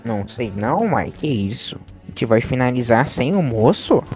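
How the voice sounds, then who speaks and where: A man's voice: medium pitch, very animated, moderate pace, darkish tone, faint music behind, voice pushed down, lightly acted. A man voicing a folksy rural countryman from Minas Gerais with a put-on mineiro accent and a drawling manner. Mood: joking. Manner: drawling, full of regional interjections.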